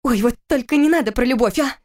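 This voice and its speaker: A woman's voice: on the high side, brisk, a little mellow, voice pushed up, lightly acted. A woman voicing a distraught pregnant young wife in an audiobook, pleading in a raised, shaken voice. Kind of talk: audiobook character reading.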